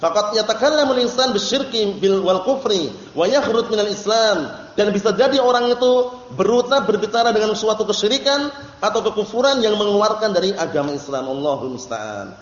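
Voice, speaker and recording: A man's voice: sits high, a little fast, reverberant, in a large hall, lo-fi sound. A man giving a religious study lecture, explaining terms patiently and checking that his listeners follow. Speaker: religious teacher.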